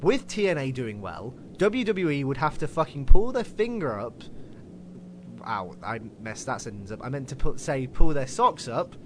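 A man's voice: mid-range voice, very animated, moderate pace, a little hiss or hum. A man hosting a casual wrestling podcast, swearing casually and laughing at his own slips. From United Kingdom. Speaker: podcast host.

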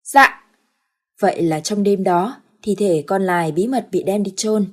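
A woman narrating an audiobook story in a steady, plain storytelling manner. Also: mid-range voice, moderate pace.

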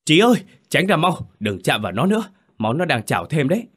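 A man's voice: fairly high pitch, big pitch swings, fast, slightly rough, voice pushed up. A man voicing an old village man who speaks sternly and with urgency. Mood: urgent.

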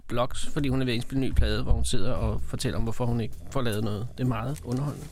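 Dry, teasing Danish radio co-host. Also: male voice, medium pitch, fairly even intonation, a little mellow, a little hiss or hum. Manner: quick interjections, dry teasing. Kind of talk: casual radio banter.

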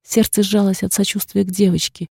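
A woman's voice: medium pitch, little pitch movement, a little fast, vocal fry, darkish tone, slightly rough, no echo, clean studio sound. A woman reading a first-person novel aloud as an audiobook narrator, in a subdued, introspective way. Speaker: audiobook reader.

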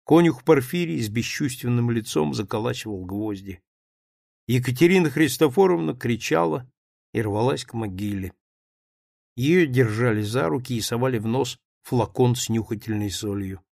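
A man's voice: mid-range voice, moderate pace, creaky, a little mellow, no room sound, clean studio sound. A man narrating a novel as an audiobook, reading expressively.

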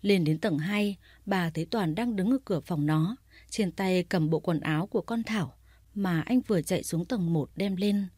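A woman reading a story aloud in a steady, even narrating voice. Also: fairly low pitch, moderate pace, husky, no room sound, studio quality.

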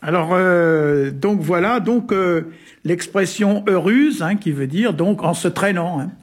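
A man from Brittany explaining word meanings in a relaxed, hesitant way, full of little fillers and chuckles. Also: sits high, takes it slowly, breathy edge. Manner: hesitant, many "euh" and "hein" fillers, chuckles often. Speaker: Breton language expert on a radio show. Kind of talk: casual explanatory chat.

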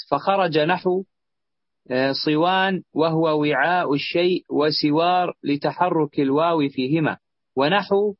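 A male student reading a grammar text aloud with steady delivery and small slips. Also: on the high side, dry recording. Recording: dull lo-fi recording.

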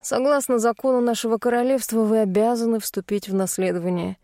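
A woman performs a formal male lawyer who reads out the law in a measured, categorical way. The audiobook read sounds dry and close. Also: on the high side, steady tone, mellow, no room sound, natural voice. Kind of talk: audiobook voice acting.

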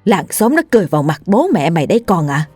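A stubborn old village mother who nags and scolds her grown son, voiced by a woman narrating a storybook tale. The voice sits low and close, with a soft music bed behind it. The room is dry and dead. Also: big pitch swings, fast talker, husky, no echo. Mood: scolding. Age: older. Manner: nagging, scolding.

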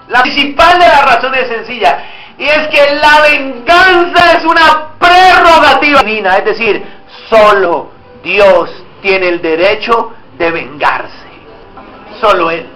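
A man's voice: very high-pitched, expressive, slow pace, pushed and bright. A man preaching a sermon as pastor, acting out back-and-forth dialogues with God. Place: church hall. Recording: echoey church hall with faint music.

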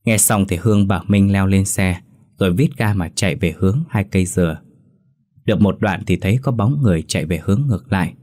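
A man narrating a horror story in a steady, grave tone. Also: low voice, brisk.

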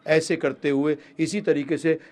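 Man preaching with loud emphatic peaks. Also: flat delivery. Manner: swings between loud emphatic peaks and low quick asides; addresses listeners as prabhu ji. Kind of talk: Gita discourse.

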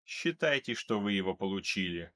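A man reading an audiobook, voicing a cold, calm male mercenary who speaks in a flat, unhurried way. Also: low-pitched, pitched below the performer's own voice. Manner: flat, even, unhurried delivery.

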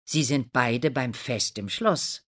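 A woman's voice: extremely low pitch, takes it slowly, fairly bright tone, exaggerated voice. Woman voicing a grumpy sleepy father.

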